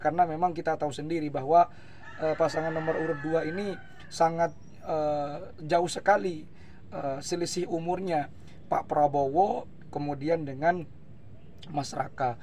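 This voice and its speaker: A slightly hoarse man hosting an explanatory commentary, talking in a measured way with frequent hesitation fillers. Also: a little high, fairly even intonation, a little mellow, a little hiss or hum. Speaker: host.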